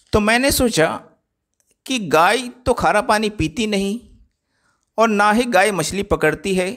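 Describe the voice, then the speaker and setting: A man's voice: high-pitched, fairly bright tone. A man giving voice-over narration for a travel vlog, speaking directly to his viewers and explaining the way around. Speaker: travel vlogger.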